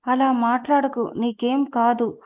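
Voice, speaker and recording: Woman reading doing a young woman crying and pleading, mellow soft voice, kinda high. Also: little pitch movement, measured pace, close to an everyday voice. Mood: tearful pleading. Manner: tearful, pleading.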